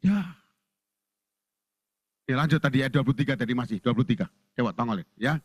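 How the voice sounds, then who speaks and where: A man's voice: mid-range voice, a little fast, husky, no echo. A man preaching a sermon as pastor with an Indonesian accent, telling stories animatedly and acting out the people he quotes, often laughing. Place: church sanctuary.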